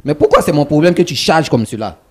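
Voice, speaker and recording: An actor playing a talk-show guest who calmly justifies taking his friend's wife and turns combative when challenged. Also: fairly high pitch, fast talker, dry recording. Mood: defiant. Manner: calm justifying, then combative.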